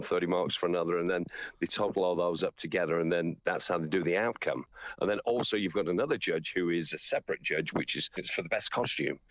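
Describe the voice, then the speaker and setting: A middle-aged man chatting casually as an interview guest, telling anecdotes in an animated, storytelling way. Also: low voice, no echo, dull audio. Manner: chatty, animated storyteller who acts out quotes. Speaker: interview guest, champion town crier.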